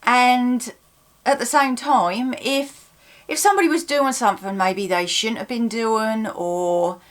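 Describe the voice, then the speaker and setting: A woman's voice: on the high side, a little slow. A woman with a Suffolk, East Anglian accent hosting an informal, chatty explainer for viewers, using everyday example phrases. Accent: Suffolk, East Anglian English. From Suffolk, England. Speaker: host of a dialect video series.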